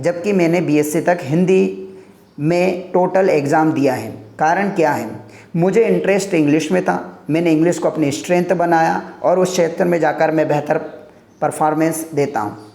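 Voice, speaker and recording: Addressing his viewers as a teacher, a native Hindi speaker delivers earnest career-choice motivation built on lists of points. His fairly high, darkish voice carries vocal fry and echoes with reverb.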